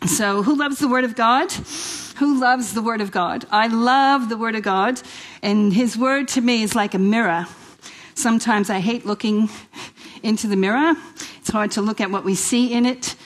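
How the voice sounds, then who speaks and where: A guest speaker at a church women's event, a middle-aged woman from New York with Italian and Australian traces in her accent, delivers an informal, inspirational talk to a live crowd. Her voice sits on the high side at normal speed, and she leans on repeated phrases and rhetorical questions in a chatty, urging way.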